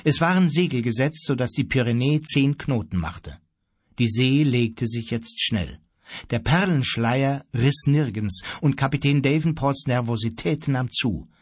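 A man reads a sea story aloud in a steady, measured way, his voice husky and mid-pitched. The sound is dry and close, with no room around it. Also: no room sound. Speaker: audiobook narrator. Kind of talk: scripted narration.

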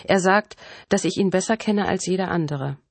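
A woman's voice: fairly low pitch, normal speed, husky, dry recording, voice pushed up. A woman voicing an infatuated adult sister who pleads and coaxes insistently in an audiobook. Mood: pleading. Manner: insistent, coaxing.

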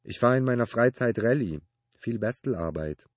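A man voicing an easygoing male mechanic who talks in a relaxed, offhand colloquial way. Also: medium pitch, normal speed, no room sound, voice pushed up, close to an everyday voice. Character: laid-back male mechanic, easygoing and matter-of-fact.

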